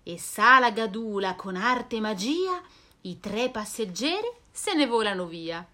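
A woman reading a rhyming children's storybook aloud, expressive and sing-song. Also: mid-range voice, measured pace.

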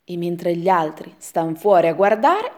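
A woman's voice: lowish voice, a little slow. Sing-song woman reading a rhyming tale. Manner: lively sing-song rhythm. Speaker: storyteller. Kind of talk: rhyming children's story reading.

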